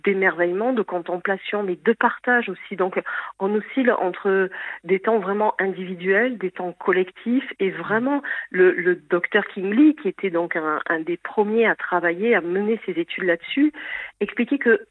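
A woman's voice: medium pitch, no echo. Woman guest on a phone-like radio line. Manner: measured, with frequent fillers and restarts. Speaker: certified forest bathing guide.

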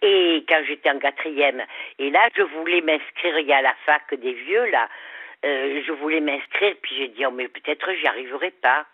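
An older woman with a Southern French accent, calling in to a radio show, halting and repeating her words. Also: low voice, no room sound. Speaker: caller. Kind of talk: radio call-in. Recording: phone line.

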